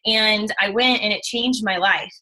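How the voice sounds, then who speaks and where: A woman in her thirties telling her own story in a casual, animated way, acting out what she and others said. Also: medium pitch, measured pace, poor audio. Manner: animated, emotional storytelling with quoted asides. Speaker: network marketing distributor. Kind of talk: casual testimonial chat.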